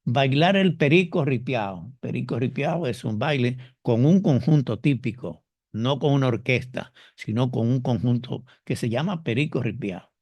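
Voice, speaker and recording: A man from the Dominican Republic with a Dominican Spanish accent, explaining customs and the way his country speaks, slowly and deliberately, repeating examples. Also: medium pitch, animated, darkish tone, dry recording. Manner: slow, deliberate, stretches key words and repeats examples. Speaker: teacher explaining culture and dialect. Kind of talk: explanatory monologue.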